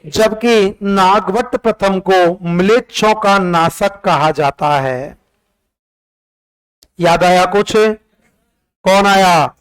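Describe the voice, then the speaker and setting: A man teaching history, firing short repeated questions and counting items off in a sing-song way. His voice sits high and comes through clean and smooth. He keeps a slow, unhurried pace with little rise and fall. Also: rough recording. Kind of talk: call-and-response classroom revision.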